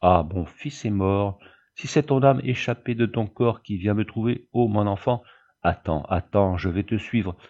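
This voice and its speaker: A man's voice: fairly low pitch, measured pace, darkish tone, lo-fi sound. A man reading the part of a grieving old peasant widow who pleads in fervent prayer. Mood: defiant.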